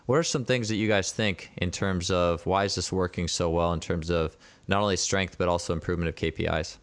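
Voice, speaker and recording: A man hosting a podcast, asking his panel questions with halting restarts. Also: low voice, fairly even intonation, dry recording. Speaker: podcast host. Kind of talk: interviewing a panel.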